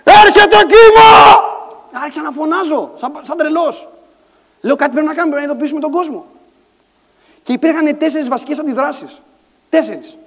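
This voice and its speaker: Male conference speaker, high voice, lively storyteller, hall reverb. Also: pauses often, some chatter behind, slight background noise. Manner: animated storytelling, acts out dialogue, shouts lines. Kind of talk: motivational stage talk. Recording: echoey hall sound.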